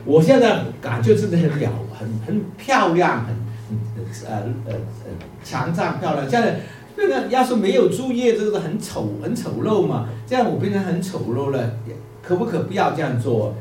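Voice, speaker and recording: A man's voice: high voice, sing-song, normal speed, a little mellow, voice pushed up. A man voicing a proud bamboo stalk that pleads and stammers as it is pruned, in a sermon parable. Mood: pleading. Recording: echoey room, distant mic, faint music.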